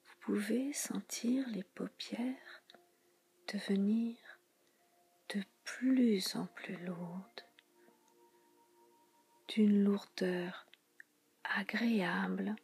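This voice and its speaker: In a hushed, breathy whisper that feels like a spa, a woman guides a relaxation hypnosis. Her voice sits at medium pitch with fairly even intonation, and she speaks slowly, repeating phrases and pausing often.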